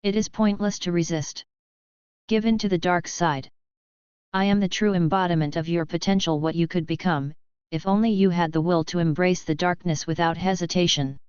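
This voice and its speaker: A woman voicing a cold, commanding armored dark lord in a fan-fiction audio story, in a calm, assured manner. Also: fairly low pitch, normal speed, smooth, dry recording, close to an everyday voice. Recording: slightly dull, dry recording.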